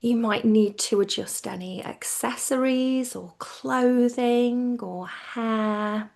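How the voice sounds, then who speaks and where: A woman guides a yoga nidra relaxation in a soothing, hushed voice, her phrases fading nearly to a whisper. Her voice is a little high and creaky, and she speaks slowly.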